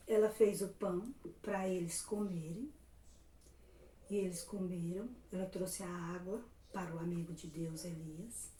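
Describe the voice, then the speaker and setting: Woman, Brazilian Portuguese accent, Sunday school teacher, slow, mellow, echoey room from a distance. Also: mid-range voice, slight background noise. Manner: asks rhetorical questions and answers them. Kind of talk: children's Bible lesson.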